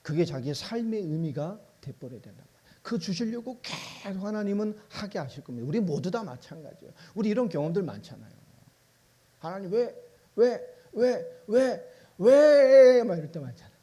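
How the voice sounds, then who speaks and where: A man's voice: high-pitched, very animated, fairly quick, dark tone, slightly rough. A man preaching a sermon as pastor, talking it through with rhetorical questions and acting out both sides of an imagined exchange. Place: church sanctuary.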